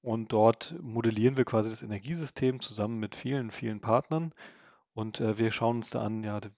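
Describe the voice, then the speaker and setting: Gravelly German man explaining slowly. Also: fairly low pitch, a little mellow, no room sound, muffled recording. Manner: explanatory, many fillers. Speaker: guest researcher. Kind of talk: podcast interview.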